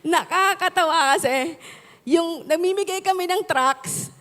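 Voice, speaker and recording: Filipino woman pastor, lively call-and-response sermon, high pitch, long church-hall reverb. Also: unhurried. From Philippines. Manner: mixes Tagalog and English, animated storytelling with call-and-response.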